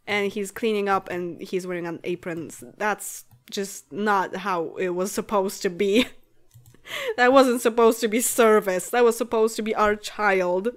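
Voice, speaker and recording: A woman's voice: mid-range voice, fairly even intonation, unhurried. A woman in her late twenties, a native Polish speaker, giving chatty let's-play commentary in English, thinking aloud and giggling often. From Poland. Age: late 20s. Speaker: gaming channel host.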